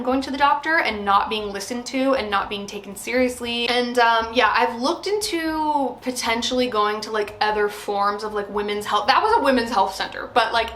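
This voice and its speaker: A woman's voice: on the high side, a bit bright. A woman talking casually and earnestly, as a content creator answering viewer questions in a candid, confessional way. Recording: roomy echo with faint background noise.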